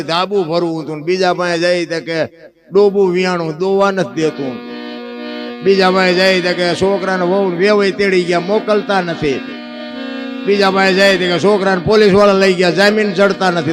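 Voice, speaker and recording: High-voiced Kathiyawadi folk speaker man. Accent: Kathiyawadi Gujarati. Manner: rhetorical questions, addresses listeners as bapu. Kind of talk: folk devotional storytelling talk.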